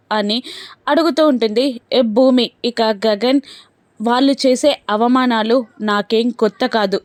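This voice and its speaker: A woman narrating a recap of a TV serial episode, telling the story and reading out the characters' lines in a steady storytelling way. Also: fairly high pitch, no echo. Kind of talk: retelling a TV serial episode with quoted dialogue.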